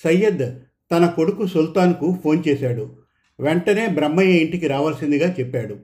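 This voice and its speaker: A man reading a story aloud in an even, measured narration. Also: fairly high pitch.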